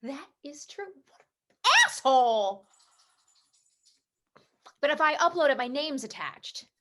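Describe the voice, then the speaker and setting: A woman playing a heartbroken, sharp-tongued young sports reporter in a comedy play reading over a video call, swinging into emotional, sarcastic outbursts. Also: sits high, moderate pace, noisy background, close to an everyday voice. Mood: angry.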